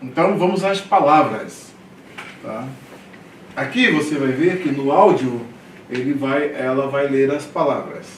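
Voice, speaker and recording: Slow, patient man teaching Greek. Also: medium pitch, a little hiss or hum. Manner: patient, spells words out one by one, checks with "tá?". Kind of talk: classroom lesson, call-and-repeat drilling. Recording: echoey room, mic at a distance.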